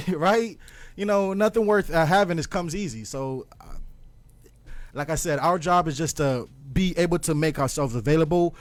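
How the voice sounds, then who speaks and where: A man's voice: fairly high pitch, moderate pace, no echo. Earnest, reflective young man from Ghana. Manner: earnest, reflective, many ums and restarts. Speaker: guest music producer. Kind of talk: casual interview chat.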